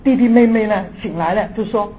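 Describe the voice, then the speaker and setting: A woman in her sixties telling a personal ghost story, moving between hushed and excited. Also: medium pitch, a little fast. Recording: tinny phone-like audio with faint hiss.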